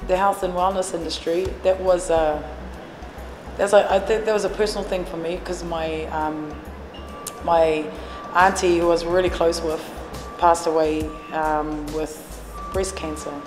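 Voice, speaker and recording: Measured and steady, a lowish-voiced woman from New Zealand, in her forties, talks earnestly in an interview about running her café and training fitness classes, with plenty of fillers and restarts. The café setting is indoors, reverberant, with music in the background.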